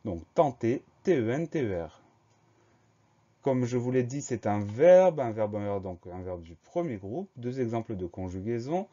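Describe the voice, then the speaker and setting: A man teaching a French spelling lesson, slowly spelling each word letter by letter and explaining the grammar. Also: medium pitch, expressive, dark tone, dull audio. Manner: slow, methodical, spells words letter by letter.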